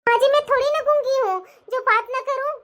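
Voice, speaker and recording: A woman's voice: very high voice, fairly even intonation, fast talker, a bit bright. A woman voicing a young, outspoken daughter-in-law in a cartoon who talks back and chats freely. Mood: protesting. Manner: protesting, chatty. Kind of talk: animated cartoon voice acting.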